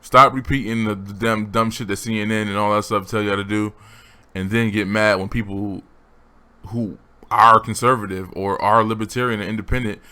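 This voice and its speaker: A man's voice: on the low side, steady tone, moderate pace, sharp tone. A man giving blunt, slangy opinion commentary straight to his viewers. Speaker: commentary vlogger.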